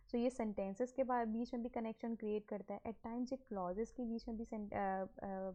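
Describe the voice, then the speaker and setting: Woman teaching, lo-fi sound. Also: fairly high pitch. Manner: mixes English phrases into Urdu, asks and answers her own questions. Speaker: English teacher. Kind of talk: explaining a slide lesson.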